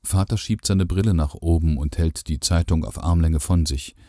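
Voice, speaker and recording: A man reads a first-person story aloud with a calm, measured delivery. His voice sits very low and sounds dark and mellow. The recording is dry and close, with no room sound. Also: no echo. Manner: calm, measured storytelling with lively quoted lines. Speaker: narrator. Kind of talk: literary reading, first person.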